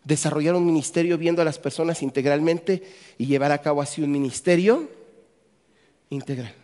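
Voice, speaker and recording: Mexican pastor guy, high voice, jokey, keeps quizzing the crowd, big echoey hall. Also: a little fast, darkish tone. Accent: Mexican Spanish. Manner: jokey, asks the audience questions. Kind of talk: conference sermon. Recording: long hall reverb.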